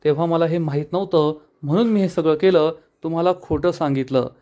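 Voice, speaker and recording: A man's voice: fairly high pitch, a little fast, dark tone, natural voice. A man reading the lines of an apologetic young man explaining himself, in his own voice.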